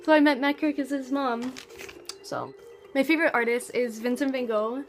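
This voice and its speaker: A high-voiced teenage girl talks through her favorite things in a bubbly, slang-filled vlog. She chats casually and eagerly, as if speaking to friends. Soft music plays faintly behind her. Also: lively intonation, normal speed. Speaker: vlogger.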